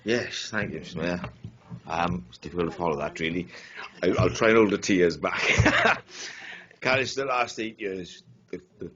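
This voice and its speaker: A Welsh councillor speaks in a very low voice, hesitant and wry. The recording is dull and lo-fi. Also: male voice, a bit bright. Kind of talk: tribute speech at a council meeting. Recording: dull lo-fi chamber mic.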